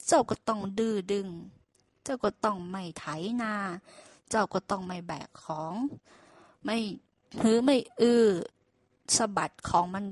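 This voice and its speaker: A woman voicing a boastful, scheming male donkey in a told fable who lectures loudly and insistently. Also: mid-range voice, measured pace, dry recording, natural voice. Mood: smug urging.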